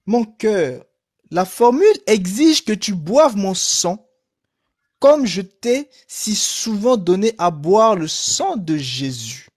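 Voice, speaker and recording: A man's voice: high voice, sing-song, slow pace, darkish tone, exaggerated voice. A man reading aloud the lines of a scheming male priest who speaks solemnly and urges a young nun. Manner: solemn, urging.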